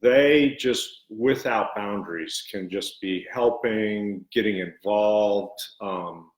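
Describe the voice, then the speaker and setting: Man, lowish voice, earnest, halting, fillers, roomy echo. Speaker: co-host and author. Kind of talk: live-stream book discussion.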